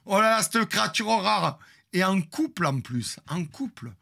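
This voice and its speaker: A man's voice: sits high, lively intonation, unhurried, creaky, sharp tone. A man in his fifties telling a story in a crude, theatrical, jokey way, with asides to his chat. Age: 50s. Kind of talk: casual storytelling.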